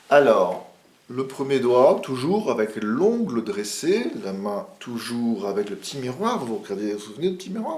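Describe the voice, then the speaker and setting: Lively-voiced man teaching violin. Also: mid-range voice, reverberant. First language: French. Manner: explanatory, demonstrative, patient. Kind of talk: music lesson.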